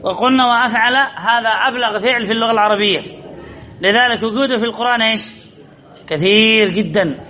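A man teaching a class, asking quick questions and answering them himself while repeating key points. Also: high-pitched, pushed and bright. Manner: quizzes listeners and answers his own questions. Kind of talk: classroom lesson.

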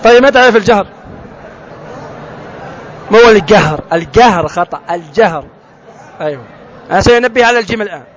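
A man with a very high voice leads a tajweed lesson. He quizzes his students and says letter sounds over and over for them to copy. The recording is dull and lo-fi, made outdoors. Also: animated, fast talker, long pauses, a faint crowd. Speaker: Quran recitation teacher.

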